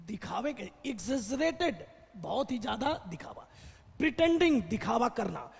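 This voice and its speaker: A man teaches a class slowly, stopping to ask questions and answer them himself. His voice sits very high and sounds husky and gravelly. The room adds a long, echoey reverb. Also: very animated. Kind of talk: classroom vocabulary lesson.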